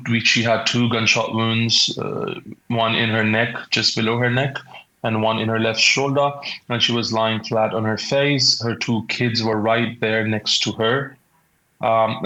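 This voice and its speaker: A man in his twenties with a Pakistani accent, giving a shaken, halting eyewitness account in an interview. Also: lowish voice, creaky, bright, forceful tone, low-quality recording. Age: 20s. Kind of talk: interview account of a traumatic event.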